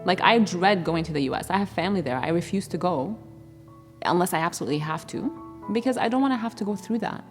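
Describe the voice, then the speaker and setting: Self-assured woman on a talk panel, kinda low voice, echoey room, light music. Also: lively intonation, fast talker. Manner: firm, earnest and self-assured. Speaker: interviewee. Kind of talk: candid studio discussion. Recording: reverberant room.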